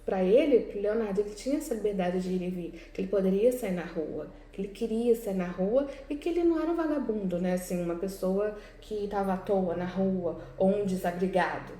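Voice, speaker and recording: A woman teacher with a Brazilian Portuguese accent goes over exercises in a recorded lesson, explaining them step by step and checking in with her students again and again with "né?" and "tá?". Her voice is mid-range and dark in tone, a little fast, with few pauses. The recording has an echoey room sound and faint background noise.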